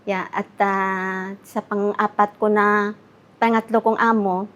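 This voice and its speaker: Soft-spoken woman in her fifties from the Philippines, giving a respectful personal testimony to a pastor. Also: medium pitch, flat delivery, slow pace. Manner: soft-spoken, respectfully addresses the pastor, acts out quoted dialogue. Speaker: guest sharing her testimony. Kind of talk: interview testimony.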